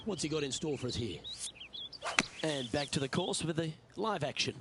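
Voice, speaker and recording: A man calling golf play-by-play for a video game, brisk and polished, with light jokes. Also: a little high, expressive, heavy background noise. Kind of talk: scripted video game commentary. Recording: game commentary over music.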